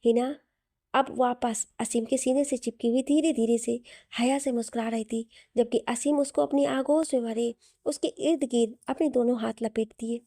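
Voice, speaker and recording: Brief: female storyteller, mellow and fairly high, steady emotive narration, dry close sound. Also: normal speed, no echo. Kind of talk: scripted romance narration.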